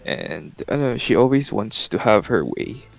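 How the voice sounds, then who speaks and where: A twenty-year-old man from California, calling in to chat casually, speaking softly and mixing English and Filipino. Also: fairly low pitch, animated, a little slow, creaky. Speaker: caller.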